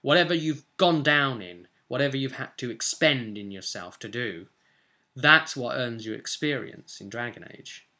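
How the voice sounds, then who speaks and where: This British man in his twenties has a mid-range, animated voice with a bright, forceful tone at normal speed. As a game-master vlogger recapping sessions, he rambles conversationally to camera from a small room at home, tossing in tag questions.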